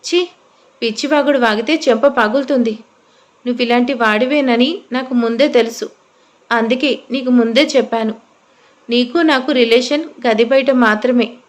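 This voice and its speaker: A woman voicing a sharp, sarcastic young wife in an audio story. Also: on the high side, normal speed, natural voice. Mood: annoyed. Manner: scolding, sarcastic.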